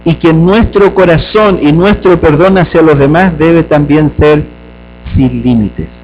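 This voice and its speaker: A man's voice: fairly high pitch, unhurried. A male pastor, preaching a sermon with rhetorical questions and emphatic repetition. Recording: dull lo-fi recording with mains hum.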